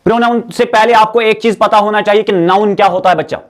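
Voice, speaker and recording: High-voiced man teaching grammar. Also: steady tone, fast talker. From Jammu and Kashmir. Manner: coaxing, repeats questions and answers them himself; calls the viewers child and dear students. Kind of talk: recorded exam-prep lecture.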